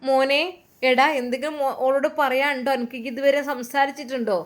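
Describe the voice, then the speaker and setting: A woman doing a warm older village mother with a lilt, set a little high. She soothes and reassures firmly in a storybook reading, though the voice stays close to the reader's own. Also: level tone, a little fast, lightly acted. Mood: motherly. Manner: soothing, firm, motherly endearments.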